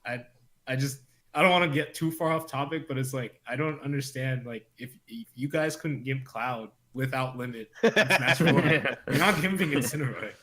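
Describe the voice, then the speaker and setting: A man's voice: mid-range voice, normal speed, pushed and bright. A man co-hosting a casual gaming podcast, rambling with many fillers as he makes his point. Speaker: podcast co-host.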